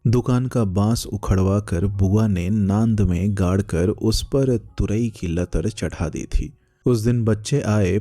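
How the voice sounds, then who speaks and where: A man narrating a literary short story in a slow, measured storytelling manner. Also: fairly low pitch, mellow, no echo.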